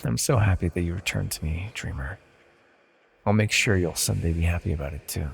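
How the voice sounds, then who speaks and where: In an intimate ASMR audio roleplay, a man plays an ancient, possessive, godlike villain, patient and condescending, with menacing tenderness in a deep, gravelly, husky voice. He speaks a little fast, heavily acted, in a tender and possessive mood, with a long reverberant echo on the recording.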